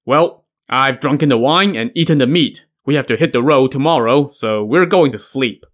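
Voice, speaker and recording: A man's voice: mid-range voice, normal speed, natural voice. A man doing a roaring brute of an outlaw. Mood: blunt. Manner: loud, barking, blunt. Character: hot-tempered brutish male outlaw warrior.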